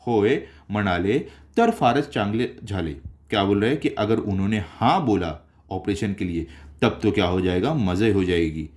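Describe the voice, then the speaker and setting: A man's voice: lowish voice, expressive, moderate pace, a little mellow. A man teaching a school chapter. He reads each line aloud and then explains it in simple, everyday words, like a tutor going through a textbook.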